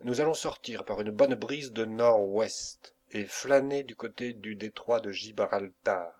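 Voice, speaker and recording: A man's voice: fairly low pitch, a little slow, a little mellow. A man reading the part of a fiery pirate captain who rouses his crew and barks orders. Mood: rousing speech. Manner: rousing, barking orders.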